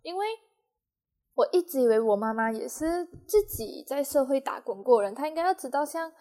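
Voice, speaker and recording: A woman's voice: high-pitched, expressive, normal speed, warm tone. A young woman, telling a personal story in a casual, chatty way, dropping English words and lots of fillers and particles. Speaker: vlogger.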